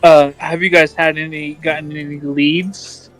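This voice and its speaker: A man's voice: fairly high pitch, level tone, unhurried, a bit bright, faint music behind, low-quality recording. A man playing a character in a tabletop game, talking in a hesitant, teasing way with many restarts. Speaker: player.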